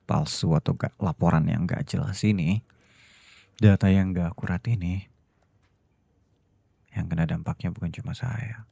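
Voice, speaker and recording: A man voicing a stern boss who is also a doting husband, in a whispered role-play that goes from cold scolding to soft pleading. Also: deep voice, vocal fry, slightly rough, no room sound, heavily acted. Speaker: voice actor.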